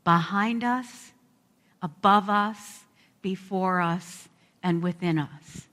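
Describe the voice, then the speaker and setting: Woman pastor praying real slow, bright clear voice, big echoey church ringing behind every word. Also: lowish voice. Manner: slow, reflective, heartfelt praying. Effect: long echo of a large church hall. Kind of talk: spoken pastoral prayer. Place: church sanctuary during a service. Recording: reverberant church sanctuary.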